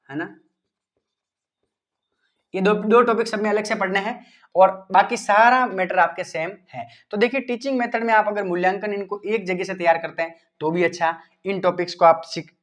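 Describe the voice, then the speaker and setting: Male teacher, fairly high voice, chatty repetitive study tips aimed straight at students. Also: moderate pace, fairly bright tone. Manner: informal, repetitive, addresses students directly. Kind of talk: exam-prep study advice lesson.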